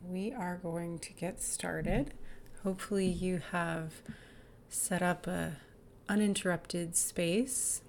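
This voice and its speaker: A woman leading a guided body-awareness exercise in a calm, gentle, inviting manner, sometimes dropping to a soft whisper. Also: fairly low pitch, slow, a little hiss or hum.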